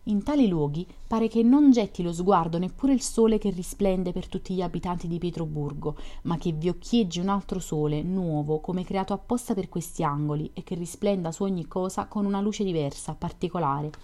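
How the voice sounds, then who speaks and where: A woman's voice: on the low side, normal speed, mellow, lightly acted. A woman reading an audiobook, voicing a shy, solitary young man who speaks earnestly and reflectively. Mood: earnest, wistful.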